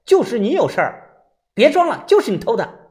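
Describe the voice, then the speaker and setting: A man voicing a sharp-tongued young woman in an audiobook, dry and needling. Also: very high voice, wildly swooping pitch, a little fast, pitched above the performer's own voice, exaggerated voice. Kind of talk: audiobook character voice.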